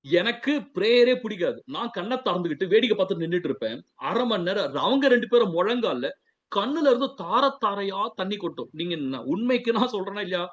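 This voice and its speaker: A man pastor preaching a sermon and telling his own testimony, animated, with repeated hallelujahs and switches into English. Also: high-pitched, fast talker, highs cut off.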